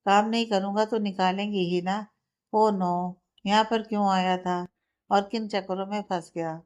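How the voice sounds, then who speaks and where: A woman's voice: medium pitch, steady tone, a little slow, a little mellow, lightly acted. Storybook: exasperated, teasing young husband, read by a woman narrator. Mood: sheepish. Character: young man, irritated but caring husband.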